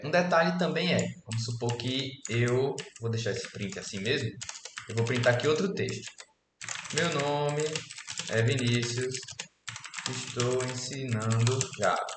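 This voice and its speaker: Casual and relaxed, this Alagoas-born programming instructor in his twenties explains code in a screen-recorded lesson, frequently pausing to ask "beleza?" He speaks in a mid-range voice against a noisy background in an echoey room where keys faintly tap.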